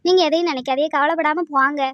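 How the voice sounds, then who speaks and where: A woman's voice: high-pitched, steady tone, quick pace, a bit bright, dull audio. A woman playing a soothing village mother-in-law. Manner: soothing, promising. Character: reassuring village mother-in-law, middle-aged. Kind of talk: cartoon voice acting.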